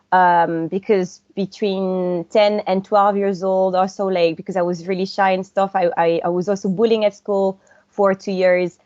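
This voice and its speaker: A woman's voice: mid-range voice, darkish tone, dry recording. Chatty young woman on a lo-fi call. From born in France, raised in Brussels. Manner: chatty, laughs often, many "like" fillers. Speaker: guest, actress and director. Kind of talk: casual interview conversation. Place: at home.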